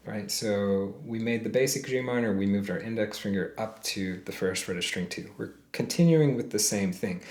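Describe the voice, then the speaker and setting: A man teaching a ukulele lesson step by step, patiently calling out frets and counting beats aloud. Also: lowish voice. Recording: roomy sound with loud ukulele playing.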